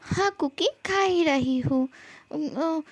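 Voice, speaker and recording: High-voiced woman reading a fan story. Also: takes it slowly, no room sound. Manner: reads every character's lines in nearly the same voice.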